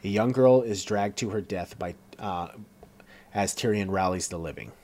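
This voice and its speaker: A man's voice: low-pitched, moderate pace, a little mellow. A man giving a casual scene-by-scene recap of a TV episode, reading along with fillers and stumbles. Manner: reads along with fillers and self-corrections.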